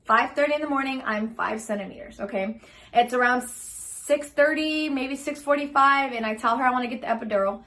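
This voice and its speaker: Chatty young woman, slightly high voice. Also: brisk, a bit bright. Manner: chatty and rambling, full of ums and likes, acts out her own lines. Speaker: vlogger telling her birth story. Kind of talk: casual storytelling.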